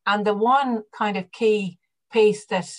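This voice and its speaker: A woman's voice: medium pitch, steady tone, takes it slowly. A woman from the west of Ireland, with that region's accent, explaining things conversationally as an interview guest. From County Mayo, west of Ireland. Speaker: podcast guest.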